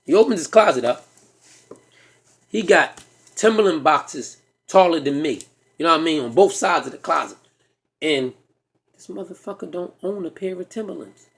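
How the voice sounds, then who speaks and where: A man telling a comic story, animated and profane, acting out the dialogue himself. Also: fairly high pitch, normal speed, vocal fry, long pauses. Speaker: stand-up comedian.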